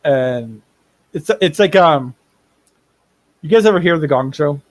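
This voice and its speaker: A man's voice: on the high side, animated, unhurried, no echo. A man running a tabletop game as game master, rambling through tangents and repeating words as he builds his point.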